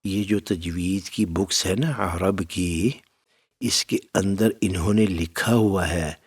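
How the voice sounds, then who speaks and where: A man with a low voice teaching recitation in a warm, fatherly tone, calling his students "my son". He gives plain, firm instructions one point at a time, like a patient elder guiding pupils. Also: husky, distant mic. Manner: fatherly, addresses listeners as "my son". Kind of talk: spoken lesson with recited demonstrations.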